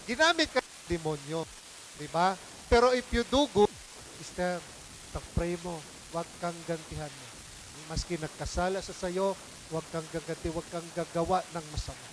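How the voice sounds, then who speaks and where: A man's voice: on the high side, normal speed. A man with a Filipino accent, a priest giving a homily in a conversational style, mixing languages and asking the congregation questions. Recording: hissy noisy recording.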